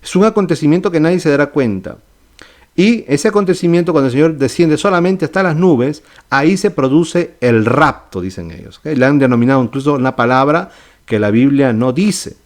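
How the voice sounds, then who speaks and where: A man preaching as a pastor in a teaching sermon, with a voice of ordinary middle pitch. He explains patiently, keeps checking in with his listeners and often restarts his phrases to find the right word. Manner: explanatory, with frequent "¿ok?" and "¿verdad?" check-ins; restarts and self-corrections mid-phrase. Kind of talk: Bible study sermon.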